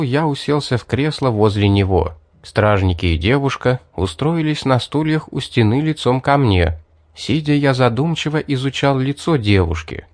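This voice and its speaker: A man's voice: mid-range voice, dry recording, studio quality. Man narrating a fantasy audiobook dryly. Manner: even, measured storytelling.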